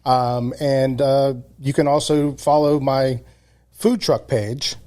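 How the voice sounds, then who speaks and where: A man from Jacksonville, Florida, answering interview questions in a relaxed, measured way with many ums and uhs. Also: medium pitch. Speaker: podcast guest, food reviewer.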